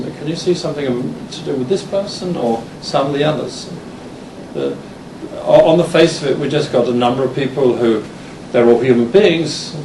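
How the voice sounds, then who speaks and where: Heard from a distance in a noisy, echoing hall, a university lecturer in his fifties gives a conference talk with a medium-pitched, creaky voice. English-born and from Denmark, he keeps his English accent and speaks haltingly with frequent restarts and fillers.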